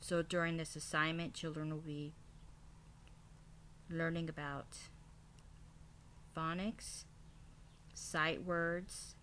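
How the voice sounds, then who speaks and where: Low-pitched woman presenting a lesson plan. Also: level tone, slow, pauses often, fairly bright tone, slight background noise. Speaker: kindergarten teacher.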